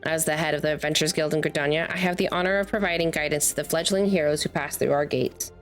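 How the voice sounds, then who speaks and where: A woman voicing a motherly, formal guildmaster from a fantasy game, reading the dialogue in a measured way. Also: deep voice, fairly even intonation, soft background music, close to an everyday voice. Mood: welcoming. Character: motherly guildmaster welcoming adventurers, grave and formal.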